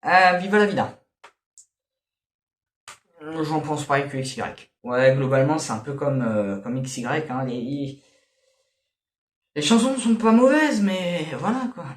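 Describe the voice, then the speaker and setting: A man reviews albums in a loose, grumbling way, often stopping on fillers. His voice sits a little high. The room around him is echoey. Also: lively intonation, measured pace, long pauses. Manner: grumbling, hesitant, many fillers. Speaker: music reviewer. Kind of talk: casual review commentary.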